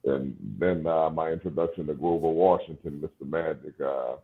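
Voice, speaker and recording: A man of about forty from New Orleans with a smooth, velvety voice, chatting casually as a musician guest in an interview. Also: a bass voice, normal speed. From New Orleans, USA. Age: around 40. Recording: thin, phone-like call audio.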